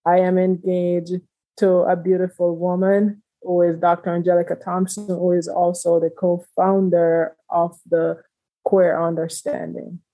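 A woman talks in a low, mellow voice. Her pitch barely moves as she lays out her thoughts in earnest, steady sentences. She sounds like a guest in a podcast interview. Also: measured pace, rough recording. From Jamaica. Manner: earnest and steady, speaking in long, building sentences. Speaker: guest, community advocate. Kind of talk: interview conversation.

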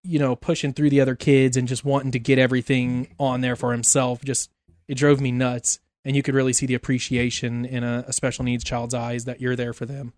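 A man guesting on a podcast, telling lively stories in casual chat. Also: medium pitch, brisk, no room sound. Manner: animated storyteller.

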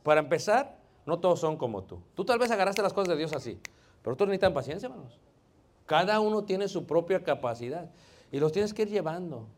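A man preaching a sermon in a conversational way, often addressing his listeners as brothers and sometimes rising to loud emphasis. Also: fairly high pitch, very animated, brisk.

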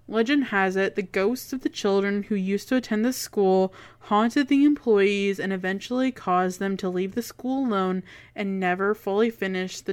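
A woman with a Canadian accent and a clear, smooth voice, co-hosting a podcast and telling local ghost lore in a conversational way. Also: mid-range voice. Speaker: podcast co-host.

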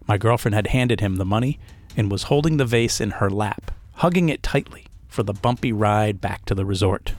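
A man narrating a first-person story as a podcast host, in a casual, chatty way with asides to the listener. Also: medium pitch.

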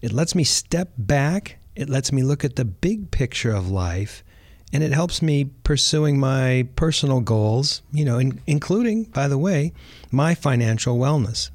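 A man's voice: medium pitch, measured pace, dry recording. Chatty man, dry studio sound. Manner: relaxed, chatty, repeats words while thinking. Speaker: podcast host. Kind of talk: casual podcast talk.

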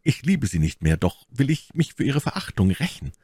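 A man's voice: medium pitch, big pitch swings, moderate pace, a little mellow, husky, no echo, clean studio sound, voice pushed up. A man voicing a young, self-assured musketeer who talks persuasively. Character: young scheming male musketeer, smooth-talking.

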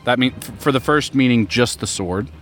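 A man's voice: mid-range voice, moderate pace, faint music behind. A man chatting casually as a player in a tabletop game.

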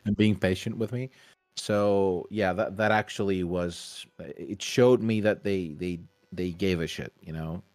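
Co-host, male, low voice, rambling and hesitant, dry mic, faint music bed. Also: steady tone, measured pace, hardly any pauses, darkish tone, dry recording. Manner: rambling, hesitant, many restarts. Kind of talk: casual chat.

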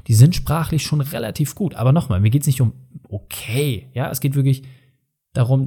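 Emphatic German coach with a husky voice. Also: male voice, mid-range voice, dark tone. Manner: direct, addresses listener informally, emphatic. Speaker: entrepreneur coaching on speaking. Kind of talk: motivational coaching talk.

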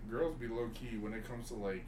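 A man's voice: medium pitch, brisk. A man in his twenties chatting crudely and teasing his friends on a podcast. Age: 20s. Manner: teasing, crude, laughs often. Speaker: podcast co-host. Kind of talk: casual chat. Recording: echoey room, mic at a distance, background noise.

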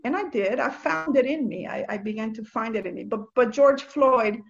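Interview guest: woman from Nicaragua, slightly high pitch, earnest and halting, lo-fi, dull recording. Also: creaky. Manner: earnest, halting, with many restarts and soft laughs. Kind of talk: reflective spiritual conversation.

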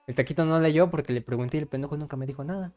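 A Mexican podcast host chats casually and crudely, joking with lots of slang and swearing. His mid-range voice races along with a slightly mellow quality, and music plays behind him.

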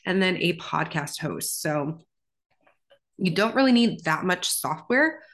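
A woman hosts her own podcast while fighting congestion, so her voice comes out a little stuffy. It sits on the lower side for a woman. She keeps the talk upbeat and casual, full of "like.". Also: animated, unhurried, fairly bright tone. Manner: upbeat, chatty, lots of "like". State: congested sick voice. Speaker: podcast host.

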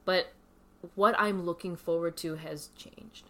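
A woman's voice: on the low side, steady tone, a little slow, sharp tone. A woman in her thirties talking casually and reflectively as an interview guest, recorded indoors in a wooden cabin. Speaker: podcast guest. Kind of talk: casual, reflective personal chat.

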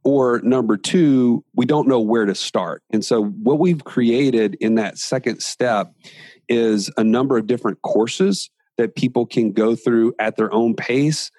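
A man who is a guest entrepreneur in a podcast interview, explaining things step by step with energetic asides. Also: medium pitch, measured pace, no echo.

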